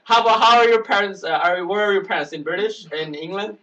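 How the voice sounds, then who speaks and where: A man's voice: high voice, quick pace, bright, forceful tone, distant mic, dull audio. A man hosting a casual chat show, stammering, repeating words and giggling. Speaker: host.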